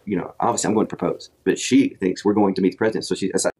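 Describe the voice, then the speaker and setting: A man's voice: deep voice, steady tone, rapid-fire, darkish tone. A man telling a long story in casual chat, rambling with restarts and quoting others. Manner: rambling, with many restarts and acted quotes. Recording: played clip from a podcast.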